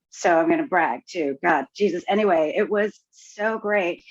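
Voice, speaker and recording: A writing course graduate appears as a podcast guest, chatting casually in a low-sitting voice, wry and often interrupting herself. The lo-fi microphone sounds dull and dry, with no room sound.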